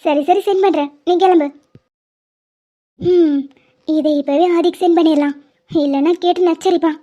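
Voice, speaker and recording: Brief: a very high, mellow-toned young woman who nags and scolds, lo-fi audio. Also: steady tone, normal speed. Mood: chiding. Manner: scolding, chiding banter. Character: lively young woman, bossy elder sister. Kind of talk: animated web series dubbing.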